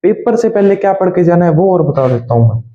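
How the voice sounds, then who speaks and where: A man's voice: high-pitched, animated, fast, mellow. A man coaching exam candidates, blunt and repetitive, drilling lists of what to study and what to skip. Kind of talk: advice talk to exam candidates. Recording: echoey, tinny phone-like sound.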